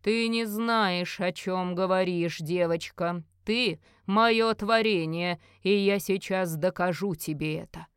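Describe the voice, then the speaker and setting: A cruel old male sorcerer, put on by a woman reading a storybook, speaks slowly with a lowered, commanding weight. His words come out heavy and loud. The recording is dry and close. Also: smooth, dry recording. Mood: menacing. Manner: slow, low and commanding.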